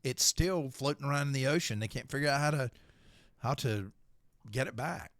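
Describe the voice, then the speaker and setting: A man's voice: mid-range voice, moderate pace, no echo. A man co-hosting a radio talk show, teasing the others in casual studio banter. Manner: teasing, animated. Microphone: studio microphone.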